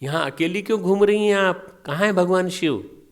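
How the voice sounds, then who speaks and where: A man voicing a gentle, knowing divine prince who asks quiet questions. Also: sits high, moderate pace, pitched above the performer's own voice.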